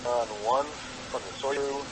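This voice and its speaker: A man's voice: mid-range voice, flat delivery, a little slow. A spacecraft crew member, a man, giving clipped procedural radio calls over a faint, breaking-up space radio link. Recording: noisy crackling space-to-ground radio.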